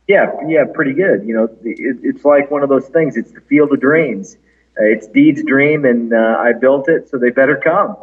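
A man talks in a casual, conversational way from a big, echoey conference hall. He sits away from the microphone, and the narrow, phone-like line leaves his words a little husky and unclear. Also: mid-range voice, normal speed. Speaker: clinic founder being interviewed. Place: large echoey conference room, indoors. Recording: echoey big conference room, band-limited, distant.

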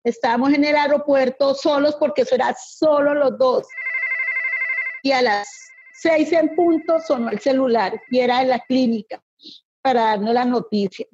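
A woman's voice: high-pitched, moderate pace, a little mellow, highs cut off. A middle-aged woman giving an anguished, emotional personal account in an interview. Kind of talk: personal testimony.

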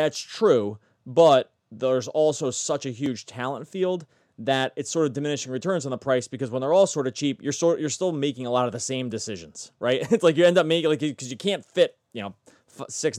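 Clean studio audio with no echo captures a sports betting podcast host whose medium-pitched voice is a little mellow. He's chatty, keeps self-correcting, and quizzes his guest in a casual way.

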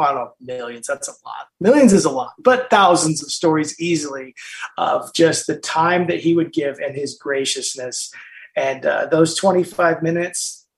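A man, an author and interview guest, telling a story in a casual, animated way with frequent restarts and bits of quoted dialogue. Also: a little high, rough recording.

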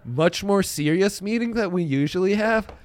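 A man's voice: high voice, normal speed, dry recording. A man co-hosting a sports betting podcast, bantering casually and laughing often. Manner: jokey, animated, laughs often.

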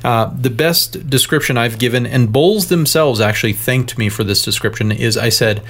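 A man's voice: mid-range voice, moderate pace, fairly bright tone. A man co-hosting a casual podcast, explaining a spirit with an easygoing, joking manner. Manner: explanatory, joking, enthusiastic about drinks. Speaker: podcast co-host. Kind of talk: casual chat.

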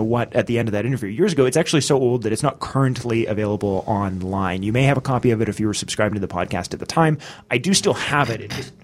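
Fast-talking man hosting a podcast. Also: medium pitch. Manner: rambling, many fillers and restarts. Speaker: podcast host. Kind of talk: casual podcast discussion.

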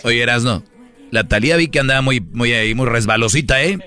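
Bright-voiced co-host arguing. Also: male voice, medium pitch, brisk, smooth. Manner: argumentative, opinionated. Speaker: radio co-host. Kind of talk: comic radio banter.

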